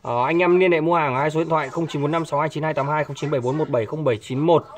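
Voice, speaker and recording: A man's voice: fairly high pitch, steady tone, rapid-fire. A man, a fishing tackle shop owner showing products in a chatty way, often hesitating and repeating himself. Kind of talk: casual product showcase. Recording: noisy background.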